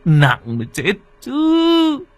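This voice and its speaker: A man doing a shrill, panicky old man. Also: huge pitch swings, extremely slow, heavily acted. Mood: fretful. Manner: shrill, wailing.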